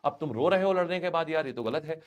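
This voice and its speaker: A cocky, easygoing ancient king, as a man tells it in his lesson, answers his beaten rival with lighthearted banter. He sounds everyday rather than grand, with a slightly raised pitch. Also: animated, fast talker, close to an everyday voice.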